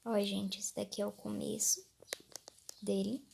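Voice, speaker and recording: A woman's voice: mid-range voice, little pitch movement, a little slow, gravelly, mellow, slight background noise. A woman with a Brazilian accent giving nervous, jumpy let's play commentary, often dropping to a whisper. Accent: Brazilian Portuguese. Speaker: gaming youtuber.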